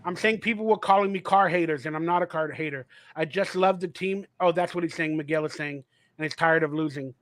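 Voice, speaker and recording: A man's voice: a little high, brisk, fairly bright tone, no echo. A man hosting a casual fan livestream, talking animatedly and acting out quotes as he tells stories, swearing freely. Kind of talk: casual chat.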